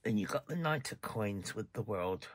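Chatting his way through a relaxed tarot reading, a man occasionally lowers his voice to a whisper and pauses to apologize for yawning. He speaks at normal speed with a lowish pitch and lively intonation, over a slight hiss or hum.

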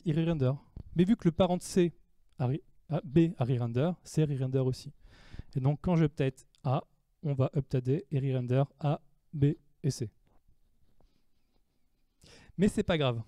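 A man speaking at a developer meetup, walking the audience through code in French. His voice is very dark and mellow, with pitch a little above the usual, and the sound is close and dry. He poses questions and answers them himself. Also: no room sound. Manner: explanatory, asks and answers his own questions. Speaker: conference speaker. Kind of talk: technical talk on stage. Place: meetup room before an audience.

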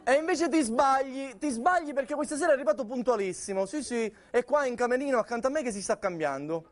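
A man's voice: very high voice, lively intonation, quick pace. A Sicilian man in his thirties on a theatre stage, doing a comic one-sided phone call in an anxious, placating manner. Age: 30s. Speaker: comedian.

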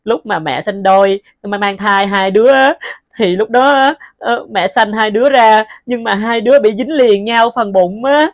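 A woman playing a grieving mother who pleads for forgiveness, speaking in a halting voice and repeating her words. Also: medium pitch, no echo, studio quality, natural voice. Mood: pleading.

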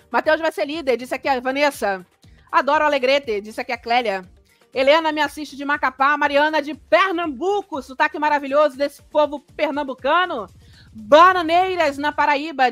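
A woman hosts a live reaction stream in a high, bright-pitched voice, chatting and exclaiming as she reads viewer comments aloud. Her sound is dry and close, with faint music underneath. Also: dry recording.

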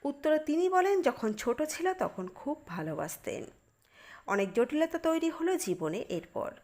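Lively woman narrating an interview. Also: sits high, measured pace. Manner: reads questions and answers aloud in one voice.

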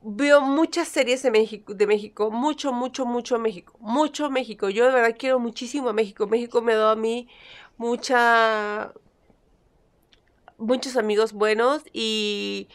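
A young woman from Peru talks straight to camera in a playful, chatty way, her Spanish carrying a Peruvian accent with a few Mexican touches. Her voice sits a little high and sounds smooth and clear. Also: normal speed. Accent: Peruvian Spanish with some Mexican touches. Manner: chatty, playful, answering critics with mock sweetness. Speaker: vlogger. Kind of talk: casual chat to camera.

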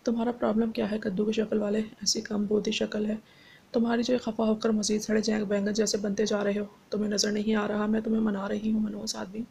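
A woman's voice: mid-range voice, monotone, fast talker, creaky, darkish tone, a little hiss or hum, lightly acted. A woman reading the lines of an emotional young woman who pleads and scolds through tears, in an audiobook. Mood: scolding.

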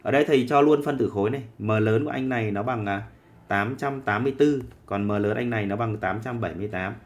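A man's voice: fairly low pitch, fast. A man teaching a live online chemistry class, dictating notes and often checking that students are following.

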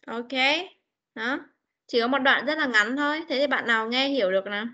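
A woman teaching children English in an online class with a Northern Vietnamese accent, coaxing answers and spelling words out slowly. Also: a little high, sharp tone. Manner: coaxing, repeats questions, spells letters slowly. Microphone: video call. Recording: dull lo-fi meeting recording.

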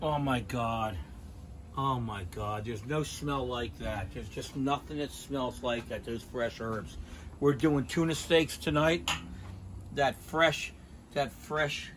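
Speaking slowly in a slightly bright, mid-range voice, with a little hiss or hum on the track, a man in his fifties vlogs his home cooking on a handheld phone. He goes from the indoor kitchen to the outdoor deck grill, sniffing and tasting the food, raving about fresh ingredients and repeating catchphrases.

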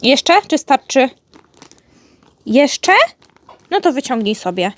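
Speaking at a slow pace in a high, very animated voice, a vlogger chats casually with her dog indoors. She's opening his birthday gifts and coaxing him with sweet pet-talk.

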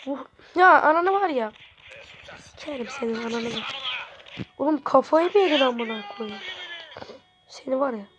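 High-voiced woman swearing through gameplay. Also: moderate pace, pauses often, lo-fi sound, background noise. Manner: excitable, frustrated, swears constantly. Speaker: gaming channel host. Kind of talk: live gameplay commentary.

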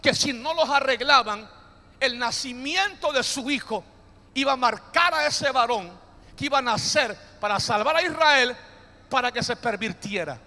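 In a church hall with long reverb, a man with a very high-pitched, pushed, bright voice preaches as pastor at a moderate pace and lively intonation. He jokes with the congregation in playful asides and calls on them to repeat after him.

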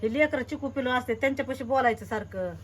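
A middle-aged woman, consoling and gently scolding in a casual family vlog. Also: high voice, fast talker, slight background noise. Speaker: mother in the family.

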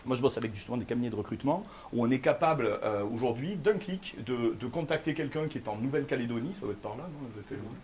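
A man giving a fast, lively conference keynote, talking straight to the audience with frequent questions. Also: medium pitch, slight background noise. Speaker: keynote speaker. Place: conference room before an audience.

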